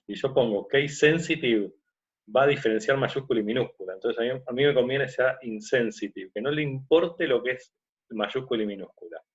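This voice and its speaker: A man teaching a screen-recorded software course, explaining step by step and often checking in with his listeners. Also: medium pitch, normal speed, dull audio. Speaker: course instructor.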